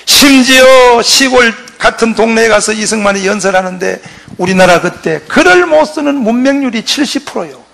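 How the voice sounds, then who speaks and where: A man, a pastor giving an impassioned public lecture, who shouts often and fires rhetorical questions at his audience. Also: very high voice, animated, normal speed, creaky.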